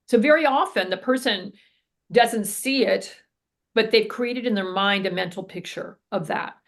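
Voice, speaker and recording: A woman therapist, a guest on an interview podcast, telling a case story earnestly and vividly, often acting out what people said. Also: mid-range voice.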